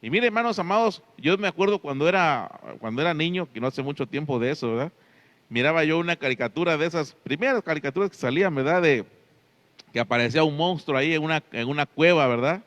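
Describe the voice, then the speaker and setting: High-voiced man preaching emphatically. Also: lively intonation, fast talker, a bit bright. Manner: emphatic, drawing out key words, frequent tag questions. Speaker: pastor. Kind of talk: Sunday sermon.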